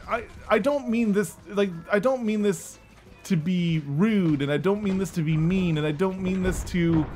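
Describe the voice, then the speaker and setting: High-voiced man on a weary back-in-my-day rant. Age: 30s. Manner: emphatic repetition for stress. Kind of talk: casual off-the-cuff rant.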